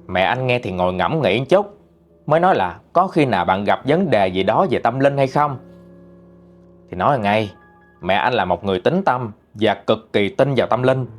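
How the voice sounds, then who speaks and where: Guy telling a ghost story, pitch jumps all over, soft music under it. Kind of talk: storytelling narration.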